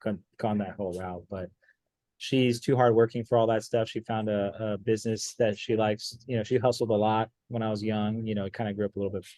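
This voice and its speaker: A young pool player from Miami, Florida, appears as a guest in a casual interview, rambling in a relaxed way and leaning on plenty of fillers. His voice is fairly low and a little fast, with no room sound.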